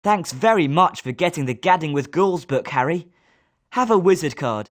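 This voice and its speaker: Speaking close to his everyday voice, a man plays a polite, sometimes sneering British schoolboy wizard student in a video game. The pitch is on the high side, the delivery animated and moderately paced, and the scripted lines come out expressive, friendly and polite.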